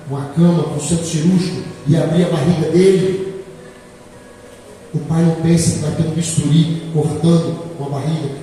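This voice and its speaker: A man in his forties preaching a sermon as pastor, swinging between quiet reflection and loud emphasis. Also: on the high side, a little hiss or hum. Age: 40s. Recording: echoey hall from far off.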